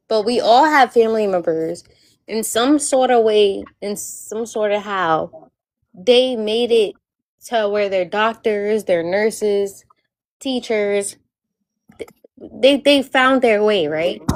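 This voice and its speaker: A woman's voice: medium pitch, darkish tone, no echo, poor audio. Insistent Puerto Rican-born woman, dry sound. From Puerto Rico. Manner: earnest, insistent, repeats herself when interrupting. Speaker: panel guest. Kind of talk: casual panel discussion.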